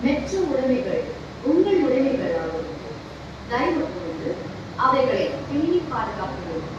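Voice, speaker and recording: Indian english woman on a train station loudspeaker, slow formal announcement, high lively voice, noisy platform. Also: highs cut off. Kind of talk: recorded public announcement. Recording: echoey distant loudspeaker, station noise.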